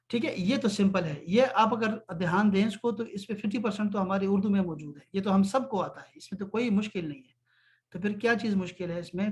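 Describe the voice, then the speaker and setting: A man teaching an online Arabic lesson, explaining patiently and repeating phrases slowly. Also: high-pitched.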